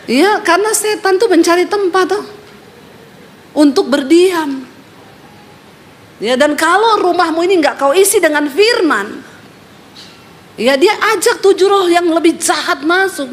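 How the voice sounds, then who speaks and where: High-voiced woman preaching with lively storytelling. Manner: direct, scolding address to the congregation. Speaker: pastor. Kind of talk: sermon.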